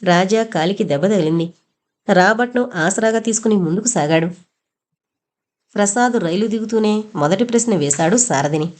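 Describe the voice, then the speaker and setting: A woman's voice: mid-range voice, normal speed, darkish tone. A woman reading an audio novel aloud, narrating and voicing every character herself with small shifts in her voice.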